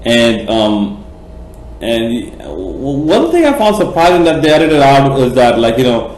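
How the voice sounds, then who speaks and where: A man from Bangladesh rants passionately in a cricket vlog, opinionated, blunt and profane, rambling with lots of fillers and restarts. His medium-pitched voice is very animated yet a little mellow, moving at a measured pace, and the room sounds echoey.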